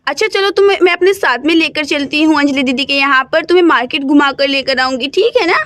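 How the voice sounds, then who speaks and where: Woman playing a polite young aunt rushing off, very high voice, doll cartoon, dry close sound. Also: a bit bright, no room sound. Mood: hurried, kind. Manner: polite and quick. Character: hurried kind young aunt.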